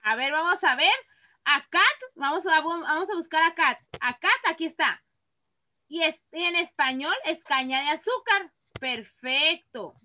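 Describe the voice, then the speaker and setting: A woman with a Mexican accent teaches children in a very high, bright voice. She speaks slowly and patiently and sounds each word out clearly. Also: dull audio. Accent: Mexican Spanish. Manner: patient, reads words aloud slowly and clearly. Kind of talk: online class for children.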